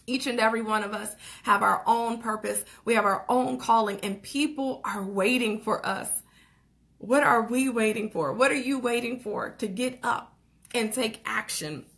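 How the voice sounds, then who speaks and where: A woman's voice: a little high, normal speed, a bit bright. Fired-up woman giving a pep talk. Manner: urgent, preachy, exhorting with repeated calls to action; laughs between phrases, says "okay?" and "like" often. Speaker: motivational vlogger. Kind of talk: motivational talk on a book.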